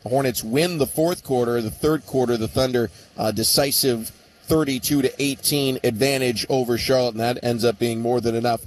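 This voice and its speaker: A man hosting a sports radio post-game show, reading off box score stats in a quick, upbeat, joking way. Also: medium pitch, steady tone. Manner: upbeat, joking, quick stat-heavy delivery. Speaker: radio post-game host and play-by-play announcer.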